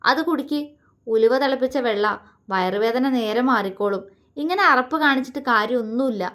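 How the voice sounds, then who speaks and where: A woman's voice: a little high, moderate pace, voice pushed up, close to an everyday voice. A woman voicing a tender, protective young man who coaxes and comforts his lover. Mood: coaxing. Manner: soft, affectionate, coaxing.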